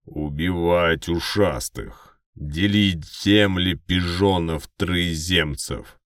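A man acts out a menacing orc warrior from a fantasy audiobook, very deep and growling. He bellows his threats slowly and savagely, in a dry recording. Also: fairly bright tone, dry recording, heavily acted. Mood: furious, threatening. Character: roaring bloodthirsty orc warrior, hulking and menacing.

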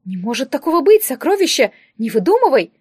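A woman's voice: high voice, sing-song, fast talker, a little mellow, no echo, studio quality. A woman voicing a fussy, doting male palace steward who talks down in a sugary, gushing way. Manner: gushing, patronizing, overly sweet.

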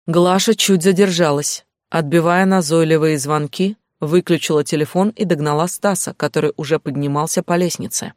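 Brief: male audiobook narrator, even storytelling, slightly high voice, dry studio sound. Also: moderate pace, hardly any pauses, no echo.

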